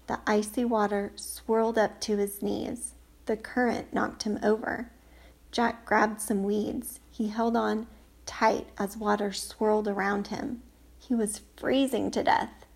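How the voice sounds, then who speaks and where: A woman's voice: medium pitch, flat delivery, unhurried, gravelly, slightly rough. A woman reading a children's storybook aloud, lifting her voice for the characters' lines. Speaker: audiobook reader. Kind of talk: storybook narration.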